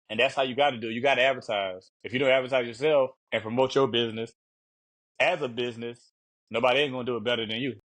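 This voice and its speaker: A man's voice: medium pitch, quick pace, long pauses, a bit bright, no echo, rough recording. Man, casual chat host, laid-back, brief replies, dry sound.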